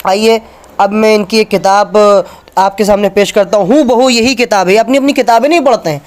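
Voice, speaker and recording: A man's voice: high-pitched, a little fast. A man giving an argumentative religious talk, reading passages from books and pointing viewers to pages. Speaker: religious speaker.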